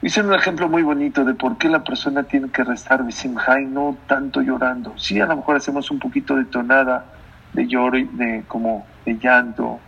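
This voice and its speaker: A man's voice: medium pitch, fairly even intonation, a little fast, vocal fry, fairly bright tone, breathy edge. A man giving a sermon as a rabbi, emphatic, repeating phrases and putting questions to his listeners, on a dull lo-fi recording. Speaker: rabbi, religious teacher.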